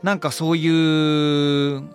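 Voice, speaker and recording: A man's voice: on the high side, flat delivery, slow pace, faint music behind. A man from Somerset, England, co-hosting a casual bilingual podcast as an English teacher, playful and chatty, mixing English and Japanese.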